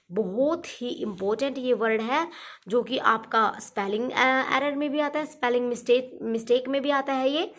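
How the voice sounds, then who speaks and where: A woman teaching vocabulary in a fairly high voice. She repeats each word several times and spells it out letter by letter. She checks in with her listeners often. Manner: frequent "ठीक है" checks with listeners. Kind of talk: vocabulary lesson for exam preparation.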